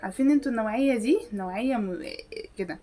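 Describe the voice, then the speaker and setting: A woman's voice: a little high, fast talker, mellow. A woman with an Egyptian accent delivering a sarcastic, scolding comic monologue. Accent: Egyptian Arabic. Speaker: comedy sketch creator. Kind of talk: comedic monologue to camera.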